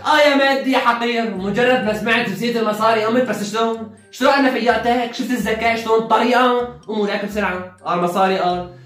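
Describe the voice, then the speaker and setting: A woman acting out a shouty family comedy skit, scolding loudly and switching between roles. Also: fairly high pitch, fairly even intonation. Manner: scolding, loud and quick. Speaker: comedy sketch performer. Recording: echoey room with faint music.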